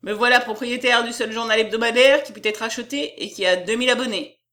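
A woman's voice: fairly high pitch, fairly even intonation, a little fast, fairly bright tone, voice pushed up, lightly acted. A woman voicing a domineering, boastful middle-aged male publisher in an audiobook reading. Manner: boastful, condescending.

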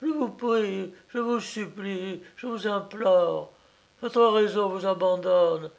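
A man's voice: sits high, steady tone, a little slow, a little mellow, voice pushed up. A man voicing an anxious, imploring middle-aged aunt in an audiobook reading. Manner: imploring, reproachful, dramatic.

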